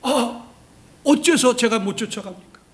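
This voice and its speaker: A man's voice: very high voice, measured pace, voice pushed up. A man voicing a devoted male disciple who pleads his loyalty. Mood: pleading.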